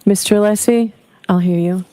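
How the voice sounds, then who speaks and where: A woman judge giving measured procedural instructions from the bench, heard on a courtroom audio feed. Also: medium pitch, steady tone, warm tone. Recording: noisy courtroom mic recording.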